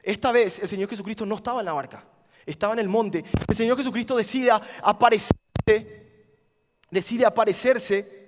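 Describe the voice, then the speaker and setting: A man with an Argentine accent preaching a camp sermon, swinging between loud dramatic outbursts and hushed, quiet pleading. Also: sits high, a little fast. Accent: Argentine Spanish. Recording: long hall reverb.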